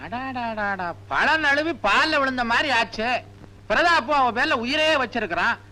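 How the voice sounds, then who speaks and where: An actor playing a jovial older family friend who talks in a reassuring way. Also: male voice, very high-pitched, expressive, normal speed, pushed and bright, full character voice. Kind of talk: film drama acting.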